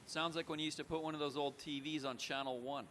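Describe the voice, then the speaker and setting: Male call-in host, slightly high, bright and forceful, dry teasing banter. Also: fairly even intonation, fast talker, a little hiss or hum. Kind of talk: casual call-in show hosting.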